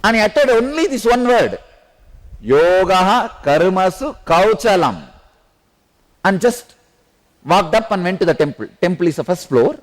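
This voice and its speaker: A man with a South Indian accent gives a spiritual discourse, recounting a personal story. His voice sits fairly high for a man. He phrases slowly and deliberately and breaks into laughter now and then. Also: expressive. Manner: laughs while telling stories, slow deliberate phrasing. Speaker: spiritual teacher.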